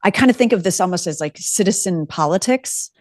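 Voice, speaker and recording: Low-voiced woman podcast host, dry sound. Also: expressive, brisk, dry recording. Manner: affirming, frequent mm-hmms, enthusiastic. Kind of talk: conversational interviewing.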